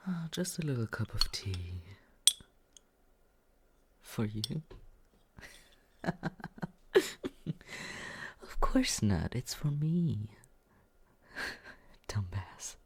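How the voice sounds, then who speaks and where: In a slow, teasing ASMR roleplay monologue, a performer plays a smug young male roommate who mocks the listener. His mid-range voice is breathy and husky, frequently sinking to a whisper, with a condescending, taunting drawl, sing-song delivery, stretched-out words and long pauses. The heavily acted performance has no echo.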